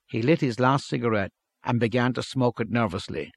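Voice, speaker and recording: Brief: male narrator for a story reading, measured and steady, middle pitch, dry close recording. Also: vocal fry, husky, no echo.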